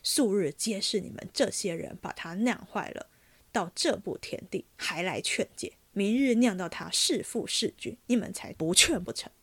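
A woman's voice: medium pitch, animated, moderate pace, husky, no echo. A woman doing a furious stern old father. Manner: harsh, barking commands.

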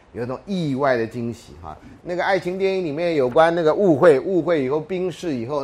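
A man's voice: medium pitch, slight background noise. A man lecturing a university class, telling jokes and anecdotes and often laughing mid-sentence.

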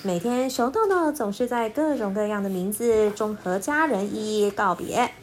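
A woman storyteller narrating a children's storybook in an expressive, lilting voice. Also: medium pitch, a little hiss or hum. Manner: expressive, lilting, slow and clear.

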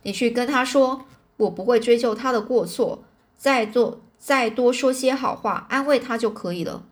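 A woman's voice: a little high, moderate pace, close to an everyday voice. A woman reading a storybook, voicing a powerful older male warlord who is possessive and commanding. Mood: dismissive. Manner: blustering, commanding.

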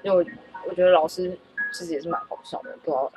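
A young woman telling a story in a casual, animated, self-mocking way. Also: on the low side, rapid-fire, poor audio. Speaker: vlogger. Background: faint background music.

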